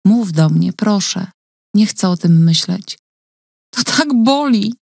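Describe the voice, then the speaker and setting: A woman's voice: on the low side, fairly even intonation, a little slow, vocal fry, dark tone, dry recording, clean studio sound. A woman voicing a hurt, frightened young woman who pleads between sobs in an audiobook reading. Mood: sobbing.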